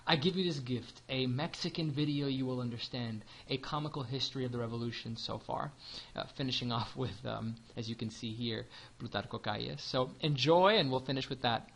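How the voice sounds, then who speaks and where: A man's voice: medium pitch, moderate pace, gravelly, a bit bright, poor audio. A man teaching a history lesson in a casual, chatty way, often saying "you know" and "um".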